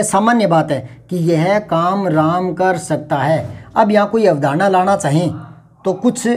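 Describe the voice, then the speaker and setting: In a high, slightly mellow voice, a man teaches a grammar lesson conversationally. He explains things slowly and goes back over every example repeatedly.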